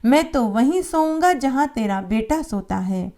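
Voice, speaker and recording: A woman voicing a wandering holy man who demands food and a bed, speaking slowly and insistently. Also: high voice, animated, dark tone. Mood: demanding. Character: old sadhu man begging for food, demanding.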